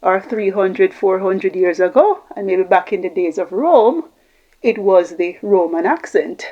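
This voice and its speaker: A middle-aged woman from Jamaica, working as a communication coach, talks unhurriedly in a mid-range voice, unscripted to camera, and rambles through long lists of examples. It's a slightly dull lo-fi recording.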